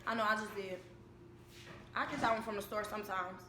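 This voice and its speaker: Young adult woman, American accent, casual chat to camera, unhurried storytelling, echoey room, clear background noise. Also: medium pitch, fairly even intonation. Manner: informal, unhurried storytelling with repeated phrases. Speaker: vlogger and mother. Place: indoors at home.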